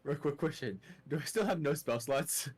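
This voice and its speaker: A young man playing a tabletop game, questioning characters in a playful, drawn-out way. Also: a little high, expressive, husky. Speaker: player. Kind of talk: casual tabletop game play.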